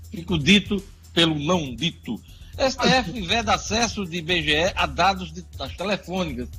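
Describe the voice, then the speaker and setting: A man's voice: a little high, fairly bright tone. A man hosts radio news, reading items live and adding informal comments.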